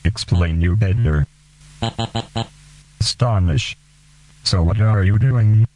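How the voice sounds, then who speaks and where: Slow low-voiced man. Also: warm tone, soft background music, poor audio. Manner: slow, deliberate, halting phrasing. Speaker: radio host. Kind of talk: radio show with poetry reading.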